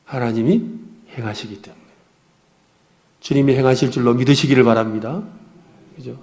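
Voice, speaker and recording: A man's voice: medium pitch, fairly even intonation, normal speed, warm tone. A middle-aged man, a pastor, preaching an earnest, confessional sermon with personal stories.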